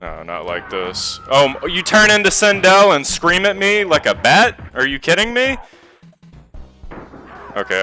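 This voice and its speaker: Animated sarcastic gamer man. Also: on the high side. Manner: frustrated, sarcastic, swearing, yelling at the game. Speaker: gaming YouTuber. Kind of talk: live gameplay commentary.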